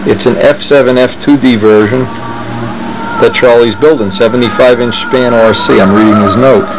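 A man's voice: medium pitch, fairly even intonation, moderate pace, background noise. A man casually narrating as he shows model aircraft plans to the camera, enthusiastic and thinking aloud. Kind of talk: casual show-and-tell narration.

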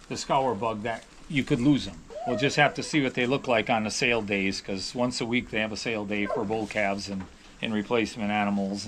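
A middle-aged dairy farmer talks casually, circling back and restarting his sentences as he thinks aloud. His voice sits at an ordinary pitch. A faint background hum runs under the recording. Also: fairly bright tone. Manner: rambling, with many restarts and hedges. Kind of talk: casual storytelling. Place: on a farm, near calves.

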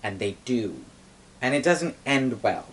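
In a low-quality living-room recording, a young adult man with a medium-pitched voice tells game lore at a measured pace, animated, wry and sweary, and improvised. The camera mic sits a few metres away, and background noise is clearly audible.

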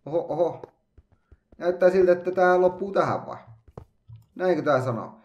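Excitable man doing game commentary, echoey room. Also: high-pitched, dull audio. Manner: excitable, chatty, makes silly sound effects. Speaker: gaming YouTuber. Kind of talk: playful let's-play commentary.

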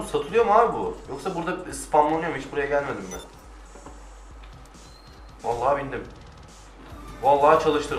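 A man giving casual let's-play commentary, excitable, swearing and shouting at the game. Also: mid-range voice. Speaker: gamer. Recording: roomy, distant mic with faint music.

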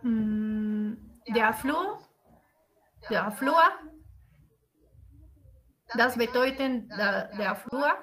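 A woman's voice: a little high, very slow, long pauses, fairly bright tone. A woman student in an online class over a video call, repeating words carefully and hesitantly.

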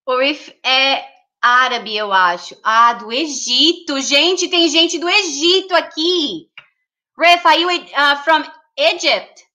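A woman's voice: high-pitched, slow, sharp tone. A woman hosting a casual livestream, chatting and laughing as she reads viewer comments aloud. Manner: giggly, laughs often. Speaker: livestream host.

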